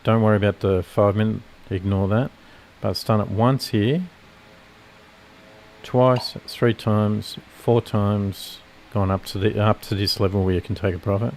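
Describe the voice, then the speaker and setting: A man's voice: on the low side, fairly even intonation, unhurried, a little mellow, a little hiss or hum. Nasal man rambling through live trades. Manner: rambling, self-correcting explanation with fillers. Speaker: futures trader streaming live. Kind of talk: casual live trading commentary.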